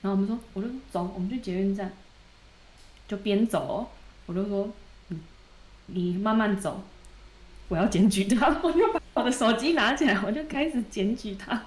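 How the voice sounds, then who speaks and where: A woman co-hosting a podcast, retelling a story in a lively, casual way and acting out the quoted dialogue. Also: mid-range voice, normal speed, long pauses. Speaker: podcast co-host.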